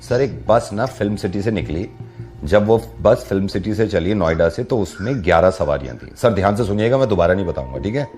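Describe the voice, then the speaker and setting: A man's voice: sits low, lively intonation, brisk, darkish tone, faint music behind. A man hosting a radio prank call, telling jokes and riddles in a chatty, teasing way. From based in Delhi. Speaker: radio host making prank calls. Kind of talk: playful prank call banter. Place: radio studio.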